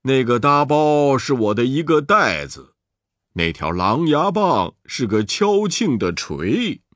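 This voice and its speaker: A man narrating a children's story in a slow, expressive storytelling manner. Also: mid-range voice, no echo, studio quality.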